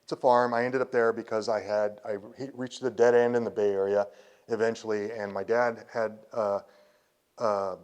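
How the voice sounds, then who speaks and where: A man's voice: fairly low pitch, level tone, normal speed, darkish tone, clear, resonant tone. A man in his fifties giving a conference talk, telling a personal story in a rambling way with restarts, and emotional at times. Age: 50s. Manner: rambling, with restarts and quoted dialogue. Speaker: conference speaker. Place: presentation hall.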